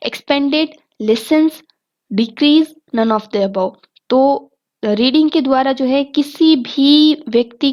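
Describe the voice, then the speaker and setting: High-voiced woman teaching exam questions. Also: a little mellow, lo-fi sound. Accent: Hindi. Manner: reads each question and its options aloud, then explains them in Hindi with English terms; often says "ठीक है" and "okay" as fillers. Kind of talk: exam prep lesson, reading out multiple-choice questions.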